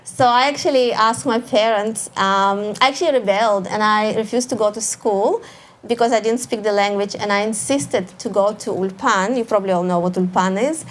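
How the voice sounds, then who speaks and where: At a normal speed and medium pitch, a woman with a Russian accent talks as an author guest at a live event, addressing an audience in a hall. She hesitates and restarts often, punctuating with small laughs.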